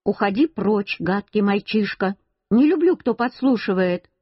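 A woman's voice: mid-range voice, animated, unhurried, husky, no room sound. A woman reading a children's story aloud, voicing a stern mother who scolds her small son. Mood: cross. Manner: reproachful, firm. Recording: dull lo-fi recording.

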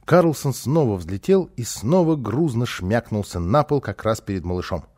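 A man narrating a children's storybook aloud in a lively, expressive manner. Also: medium pitch, moderate pace.

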